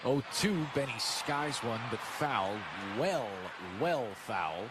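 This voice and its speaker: Animated but slow, an American man with a medium-pitched voice provides live baseball play-by-play on radio from a stadium broadcast booth, while the ballpark's ambience is clearly heard behind him.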